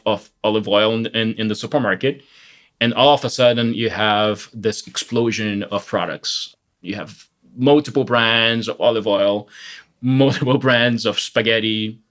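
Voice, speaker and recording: A man in his forties with a Brazilian accent answers interview questions in a somewhat low voice. He talks thoughtfully in a relaxed, conversational way, pausing on "uh" and correcting himself as he goes. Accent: Brazilian Portuguese. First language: Portuguese. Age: 40s. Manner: thoughtful, with frequent "uh" and self-corrections. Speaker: economics professor, guest.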